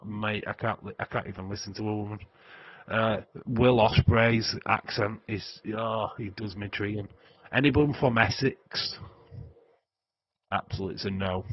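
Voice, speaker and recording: A man from England with a Yorkshire accent chats casually with viewers while hosting a livestream, his voice lowish and husky with the highs cut off. He rambles, laughs a lot, and fills his talk with filler sounds.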